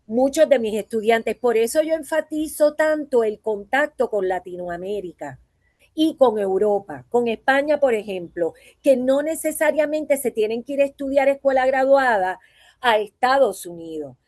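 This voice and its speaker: A Puerto Rican woman who teaches voice and acting gives a conference talk in Puerto Rican Spanish, earnest and reflective, often tagging sentences with "¿verdad?". Her voice is on the high side, animated and a little mellow, at a normal speed, with no echo.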